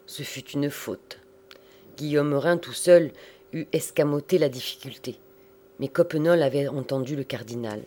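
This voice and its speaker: A man narrating a classic novel, reading in a measured, expressive way with careful pauses. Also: fairly high pitch. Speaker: audiobook narrator.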